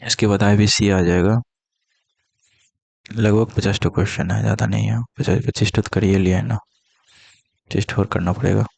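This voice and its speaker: Soft-spoken man teaching in a low murmur. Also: fairly even intonation, moderate pace, gravelly, long pauses, slightly rough, no room sound. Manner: speaking softly to avoid coughing; repeats key terms and mnemonics. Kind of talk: exam-prep lecture.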